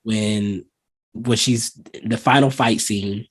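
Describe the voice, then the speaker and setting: A man hosting a casual movie review podcast, chatting loosely with lots of fillers and acting out scenes in lively voices. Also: on the low side, slow, slightly rough. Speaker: podcast host.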